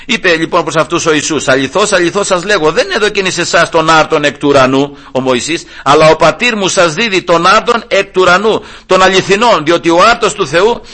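A middle-aged man preaching a fervent sermon, retelling scripture scenes with voiced quotes and swinging from high emphatic pleas to low murmurs. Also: hardly any pauses, pushed and bright.

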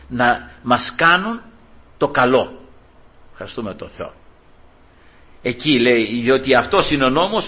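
An older man in his sixties preaching a sermon to his congregation, animated and asking rhetorical questions with emphasis. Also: fairly high pitch. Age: 60s.

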